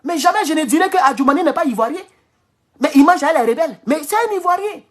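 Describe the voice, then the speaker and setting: A man from Ivory Coast with an Ivorian French accent, giving an animated, casual political monologue at home, repeating phrases and chuckling often. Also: very high-pitched, fast talker. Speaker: political commentator. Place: at home in his kitchen.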